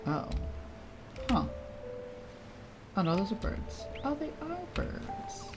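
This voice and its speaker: A woman with a mid-range, very animated voice speaks slowly while live streaming a video game. She chats casually and playfully with her viewers, using slangy, informal language with some swearing. Game music and sounds play behind her voice.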